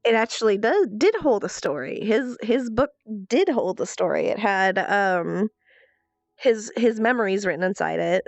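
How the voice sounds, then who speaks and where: Gravelly and congested, her medium-pitched voice is animated at a moderate pace as she whines playfully and pokes fun at herself on a livestream. She's a role-player, recorded dry with the highs cut off.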